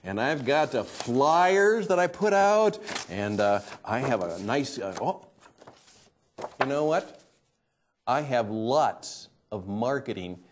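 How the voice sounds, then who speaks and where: Animated middle-aged male show host. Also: medium pitch, takes it slowly, slight background noise. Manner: emphatic, swings between loud and hushed. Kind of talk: energetic presenting to camera. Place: studio production floor.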